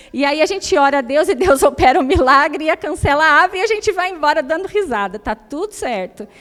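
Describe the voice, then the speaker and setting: Brief: Brazilian woman, guest church speaker, high voice, lively storyteller, long church reverb. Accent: Brazilian Portuguese. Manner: lively storytelling, playfully mimics sounds. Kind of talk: church talk with personal stories. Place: church hall.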